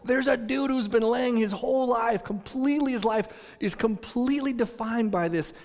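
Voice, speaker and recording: Animated pastor man in an echoing hall. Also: very high-pitched, moderate pace. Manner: animated, storytelling, many restarts, conversational. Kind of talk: sermon with storytelling. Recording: long reverb in a large hall.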